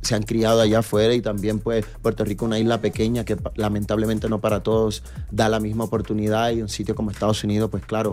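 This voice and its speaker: A man from New York talks casually as an interview guest, animated and full of fillers and little tag questions. Faint music plays underneath his voice. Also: fairly low pitch. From New York, USA. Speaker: reggaeton artist, guest.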